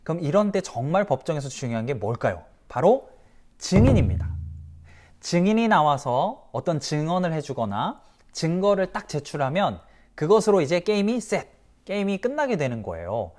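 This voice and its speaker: A man giving a children's sermon as pastor, telling the story in a lively way, asking the kids questions and acting out the quoted voices. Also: a little high, brisk.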